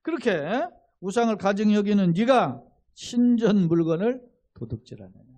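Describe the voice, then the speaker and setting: High-voiced Korean pastor preaching. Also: male voice, normal speed. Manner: animated, conversational preaching with rhetorical questions and acted-out quotes. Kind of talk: expository sermon.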